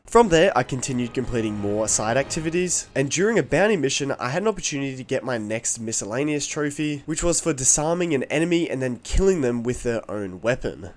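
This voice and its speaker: A man's voice: medium pitch, animated, fairly quick, hardly any pauses, a little hiss or hum. A man giving a scripted, orderly voice-over recap of his gaming. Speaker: gaming video narrator.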